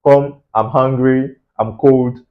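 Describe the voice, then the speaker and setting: The host of an English-learning channel speaks directly to the viewer in a motivational talk to camera, slow and encouraging, with fairly even intonation. His middle-pitched voice comes through a slightly dull, lo-fi recording. He poses rhetorical questions and repeats words when stressing a point.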